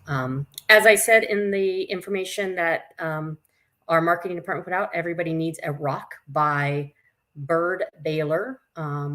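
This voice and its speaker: A woman with a deep voice and a fairly bright tone hosts a live story time for children as camp staff. She reads aloud, adding informal, chatty asides.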